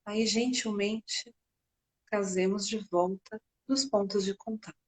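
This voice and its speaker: Slow, breathy Brazilian woman guiding meditation. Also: medium pitch, steady tone. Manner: gentle, unhurried, with long pauses. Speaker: meditation guide. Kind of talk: guided meditation.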